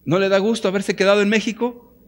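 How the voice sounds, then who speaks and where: A man with a Mexican Spanish accent preaching a fervent sermon, firing rhetorical questions and swinging from loud appeals to hushed, quiet lines. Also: high-pitched, little pitch movement, fast talker. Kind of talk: impassioned sermon. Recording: long hall reverb.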